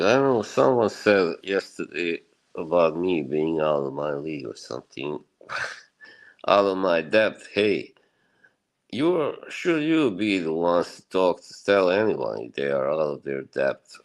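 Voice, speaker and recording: With a deep, animated voice at a measured pace, a Bosnian man chats casually with viewers on his livestream. He rambles, reassures, and chuckles a lot.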